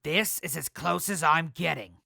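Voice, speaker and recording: A woman's voice: sits low, moderate pace, vocal fry, noisy background. A woman playing a wary, by-the-book but casual jail guard in an audio drama. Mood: suspicious.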